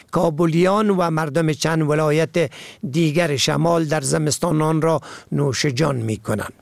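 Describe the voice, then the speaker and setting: A man reads out a scripted language lesson, pairing words and meanings one after another. His voice sits high and carries a gravelly edge. The sound is dry and close, with no room around it. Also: no room sound. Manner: measured, methodical listing of word pairs. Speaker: language teacher.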